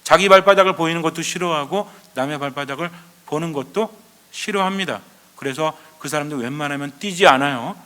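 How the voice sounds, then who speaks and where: Bright-voiced priest in an echoing hall. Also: male voice, fairly high pitch, fairly quick. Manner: lively storytelling with rhetorical questions. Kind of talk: Advent lecture sermon.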